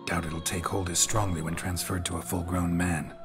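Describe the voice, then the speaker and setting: An actor playing a stoic, blunt monster hunter in a fantasy game, speaking in terse, clipped phrases. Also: male voice, sits low, flat delivery, moderate pace, over music. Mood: matter-of-fact. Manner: terse, clipped, matter-of-fact. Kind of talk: understated fantasy game acting.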